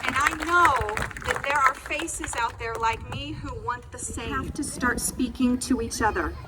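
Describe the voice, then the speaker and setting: A middle-aged woman giving an earnest, emphatic public speech at a protest, partly off the cuff, phrasing deliberately and repeating for effect. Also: high-pitched. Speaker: speaker at a protest rally. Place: public rally, speaking to a gathered crowd. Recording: distant mic, noisy outdoor rally sound.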